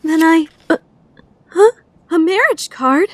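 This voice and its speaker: Anime fandub: refined, proud teen girl, played by a woman, theatrical, high and very animated, secretly lovestruck. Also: slow, no room sound, full character voice. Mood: flustered, hopeful. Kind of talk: anime fandub radio play acting.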